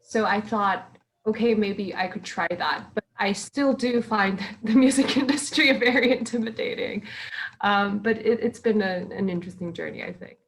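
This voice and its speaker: A woman's voice: medium pitch, normal speed, low-quality recording. A young woman who grew up in Serbia and China, answering interview questions in a chatty, hesitant way with lots of fillers. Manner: chatty and hesitant, many fillers, laughs often. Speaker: musician guest.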